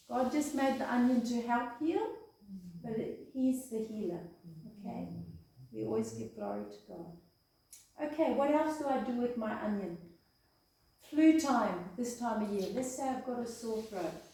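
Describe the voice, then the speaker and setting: A woman's voice: fairly high pitch, normal speed, dark tone. A woman from Australia giving a hands-on health demonstration, chatty, often checking in with "okay?" and "eh?". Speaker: health presenter. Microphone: far room microphone. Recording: echoey room from a distance.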